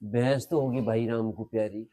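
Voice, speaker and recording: An actor playing an older village uncle with a Haryanvi accent, coaxing and questioning. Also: male voice, fairly low pitch, fairly even intonation, moderate pace, close to an everyday voice. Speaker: maternal uncle.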